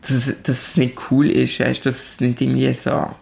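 Young Swiss woman in her twenties; gravelly, outspoken, animated guest. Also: a bass voice, normal speed, a little hiss or hum. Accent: Swiss German. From Switzerland. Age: 20s. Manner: direct, animated, emphatic. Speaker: musician guest. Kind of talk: casual chat.

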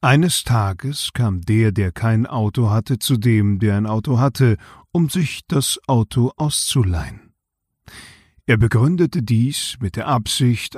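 A man reads a short story aloud at a measured, unhurried pace. His voice is husky and mid-pitched. The sound is dry and close. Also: no room sound. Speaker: podcast co-host.

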